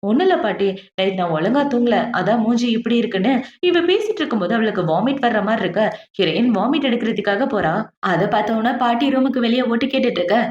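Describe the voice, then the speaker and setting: A woman with a fairly high voice races through a drama recap, chatty and brisk, slipping into the characters' lines as she tells it. The sound is roomy and a little dull, like a lo-fi home voice-over. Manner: brisk chatty retelling, acts out quoted lines. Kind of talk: casual storytelling recap of a drama.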